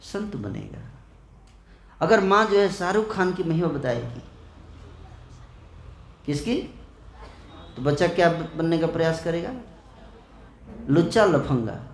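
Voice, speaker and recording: A man preaching at a festival, his voice sitting a little high as it carries through a reverberant hall. He tells the story animatedly, acting out the quoted lines, and keeps firing short questions back at the crowd. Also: animated, unhurried, vocal fry, long pauses, slight background noise. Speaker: ISKCON preacher. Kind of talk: festival sermon to a live audience.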